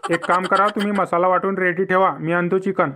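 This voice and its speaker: A man's voice: sits high, level tone, brisk, sharp tone. A man voicing a scheming older village father-in-law in a cartoon comedy, with a rural Vidarbha Marathi accent and a sly, coaxing manner. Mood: angry.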